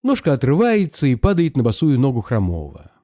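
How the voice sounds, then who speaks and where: A man reads classic prose aloud as narrator, in a measured storytelling manner. His voice is mellow and warm, with a lively rise and fall of pitch. The sound is dry and close. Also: no echo. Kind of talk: audiobook reading of classic prose.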